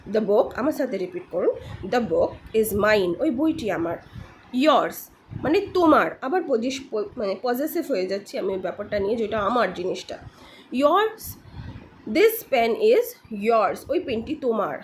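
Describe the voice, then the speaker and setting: A woman teaching spoken English to beginners, explaining step by step and answering her own questions, with the English example sentences said very slowly for learners to repeat. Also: a little high, a little hiss or hum.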